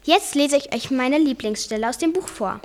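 High-voiced girl reading a book aloud. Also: expressive, normal speed. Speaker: student reader.

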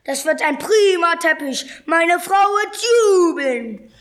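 A man's voice: extremely high pitch, lively intonation, slow pace, a bit bright, pitched above the performer's own voice, full character voice. A schoolgirl voicing a huge male barbarian who taunts his prey and swings a spiked club. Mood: mocking.

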